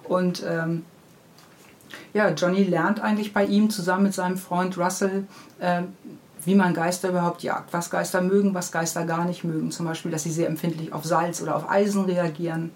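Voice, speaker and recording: In a casual interview, a woman who writes children's books explains them in detail. Her voice is fairly low and a little mellow, with little pitch movement, at a normal speed. Background ambience is clearly noisy.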